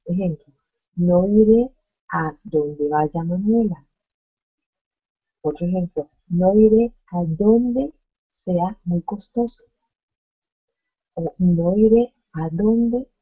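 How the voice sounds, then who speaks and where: A woman teaching an online grammar lesson, explaining slowly and reading out examples one by one. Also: on the low side, slightly rough, highs cut off. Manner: slow, deliberate explaining with spoken examples. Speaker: Spanish teacher.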